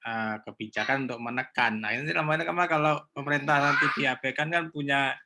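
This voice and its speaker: A man's voice: mid-range voice, fairly quick, very noisy. A male student earnestly explaining his point in an online class discussion.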